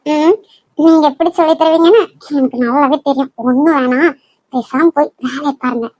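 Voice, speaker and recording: A woman plays a shy young wife in a cartoon who is expecting a baby. She talks coyly and bashfully in a very high, bright voice, recorded dry and close. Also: fairly even intonation, moderate pace, no echo, lo-fi sound, lightly acted. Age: young adult. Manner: coy, bashful. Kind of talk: cartoon voice acting.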